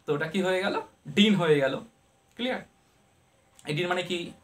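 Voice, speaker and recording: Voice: medium pitch, normal speed. A pronunciation teacher explaining step by step, often asking questions and mixing two languages, with playful asides. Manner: playful, gives vowels human traits; switches often between Bengali and English. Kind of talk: online pronunciation lesson.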